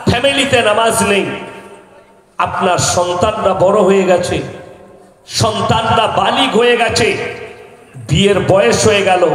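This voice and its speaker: A man preaching an impassioned sermon, firing rhetorical questions at the crowd and breaking into shouts. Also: sits high. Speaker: Islamic preacher. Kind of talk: fiery Bengali sermon at a jalsa. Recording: very echoey outdoor sermon sound system.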